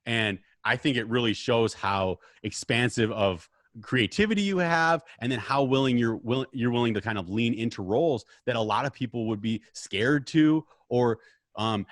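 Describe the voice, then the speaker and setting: A man's voice: mid-range voice, normal speed, dry recording, studio quality. A man hosting a casual conversation podcast, asking friendly, long and rambling questions. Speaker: podcast host, interviewer. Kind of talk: casual interview chat.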